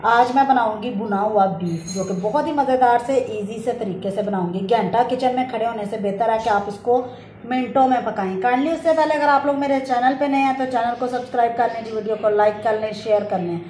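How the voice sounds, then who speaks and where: A woman's fairly quick, slightly mellow, high-leaning voice leads viewers of her home cooking channel through a recipe, one step at a time, courteous and full of blessings. It's a casual narration filmed on a phone in her kitchen, and the sound is reverberant.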